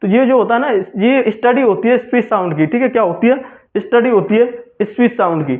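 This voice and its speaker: High-voiced man teaching, tinny audio. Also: fairly quick. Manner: repetitive, asks and answers own questions; mixes English terms into Hindi. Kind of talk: exam-prep class lecture.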